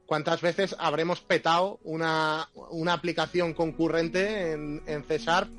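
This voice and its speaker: A man's voice: fairly high pitch, steady tone, measured pace, fairly bright tone, faint music behind. A man in casual tech chat, chatty, opinionated and playful. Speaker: podcast co-host.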